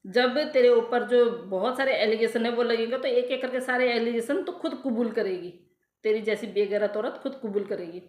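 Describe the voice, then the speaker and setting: A woman's voice: a little high, moderate pace, darkish tone. Scornful ranting woman, echoey room. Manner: scornful, insulting, repeats herself. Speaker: vlogger. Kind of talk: ranting commentary to viewers.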